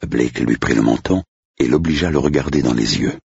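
A man narrating an audiobook with lively storytelling. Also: very deep voice, brisk, vocal fry, husky, dry recording. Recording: dull, dry lo-fi recording.

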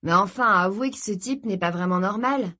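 A woman's voice: medium pitch, moderate pace, pushed and bright. A woman voicing a grumpy, suspicious teenage boy in a read-aloud story, close to her own voice. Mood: grumbling. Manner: sulky, grumbling.

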